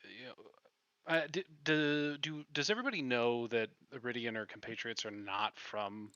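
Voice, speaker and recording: A man's voice: medium pitch, normal speed, sharp tone, no room sound, lo-fi sound. Hesitant man explaining his character. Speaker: player. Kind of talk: tabletop game play.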